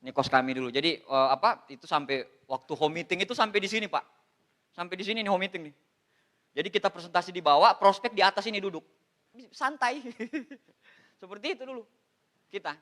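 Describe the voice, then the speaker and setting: A man from Indonesia in his thirties giving an animated, joking motivational seminar talk, addressing the audience as Pak. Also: high-pitched, a little fast. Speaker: motivational speaker on MLM.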